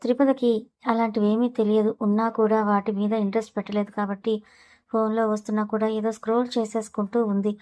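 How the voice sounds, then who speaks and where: A woman narrating a serialized novel as an audio storybook, in a brisk, even storytelling manner. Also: a little high.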